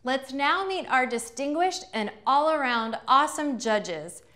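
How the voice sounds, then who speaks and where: Woman, young adult, game show host, enthusiastic, slightly high voice. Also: animated, unhurried, sharp tone. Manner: upbeat, enthusiastic.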